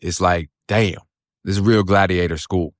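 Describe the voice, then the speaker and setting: Speaking low and steady at a moderate pace, this man from Florida recounts his own past in casual, profane street talk peppered with "bro" and "man." There's no room sound, just clean studio audio.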